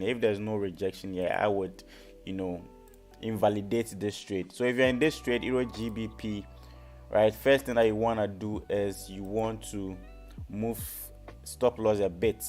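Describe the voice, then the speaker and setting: The voice is fairly low and a little mellow, steady in tone and moderate in pace, with soft music playing. A Ghanaian forex trading educator hosts a live stream lesson on market analysis, repeating phrases and regularly checking in with his listeners.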